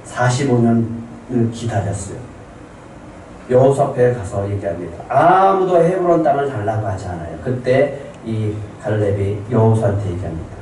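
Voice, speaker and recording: Male pastor, warm sermon voice, heard from a distance in a reverberant church. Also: fairly low pitch, lively intonation, normal speed, a little hiss or hum. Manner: calls out to the congregation, reads scripture aloud with them. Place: church sanctuary. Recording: echoey church hall from far off.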